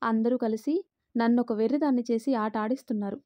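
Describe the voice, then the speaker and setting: A woman voicing a bitter, sharp-tongued middle-aged mother-in-law who scolds and taunts in a raised voice. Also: a little high, fairly even intonation, fairly quick, lo-fi sound, lightly acted. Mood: scornful.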